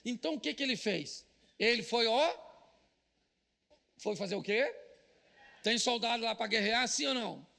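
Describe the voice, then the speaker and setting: A Brazilian Portuguese-accented pastor preaching to a business crowd, loud and joking, slipping into mock prayers. His voice sits high for a man, with a heavy gravelly fry. The tone is bright and sharp. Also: expressive, moderate pace, long pauses, long reverb tail. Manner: joking and loud, mimics people praying. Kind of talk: comedic sermon. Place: stage at a business event.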